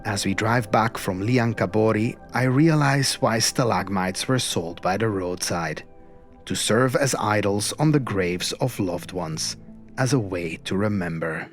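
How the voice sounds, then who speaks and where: A man narrating an expedition documentary in a measured, reflective and earnest way, as its host. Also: lowish voice. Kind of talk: scripted documentary-style narration. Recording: music behind the voice. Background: music.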